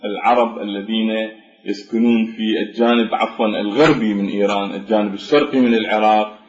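A man giving a measured spoken lecture, explaining step by step with frequent pauses and fillers. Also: lowish voice, steady tone. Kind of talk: spoken lecture on Arabic phonetics. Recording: dull lo-fi recording in an echoey room.

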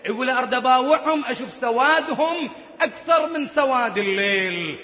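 High-voiced preacher in an echoey hall. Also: male voice, expressive. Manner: slow, drawn-out, emotional storytelling. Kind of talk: Shia religious sermon recounting a story. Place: large shrine courtyard. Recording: echoey hall, dull sound, faint noise.

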